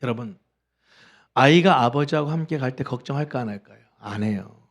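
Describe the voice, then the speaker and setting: A man's voice: mid-range voice, fairly quick. A middle-aged male pastor preaching a sermon, telling the story vividly, acting out the voices he quotes and putting questions to the congregation. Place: church sanctuary.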